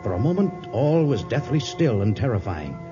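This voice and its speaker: In a dramatic, scripted storytelling style, a man narrates a 1950s radio adventure at normal speed, his medium-pitched voice swinging widely in pitch. The recording has a dull vintage-radio quality with loud music behind him.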